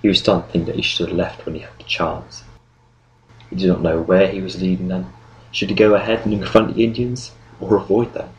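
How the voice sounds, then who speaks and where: A man reading an audiobook novel in steady, measured narration. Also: low-pitched, low-quality recording. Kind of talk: scripted narration.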